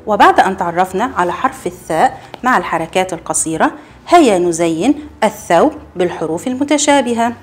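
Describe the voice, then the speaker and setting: A woman teaching young children a letter lesson, encouraging them and repeating each sound slowly and clearly. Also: medium pitch, lively intonation. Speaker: kindergarten teacher.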